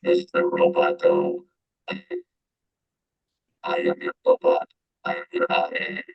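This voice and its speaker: Disguised deep robot voice, commanding machine, extremely low and gravelly, dull lo-fi sound, faint music behind. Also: male voice, wildly swooping pitch, slow, full character voice. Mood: mechanical. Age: older. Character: male talking robot, commanding. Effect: robot voice filter making the voice very deep.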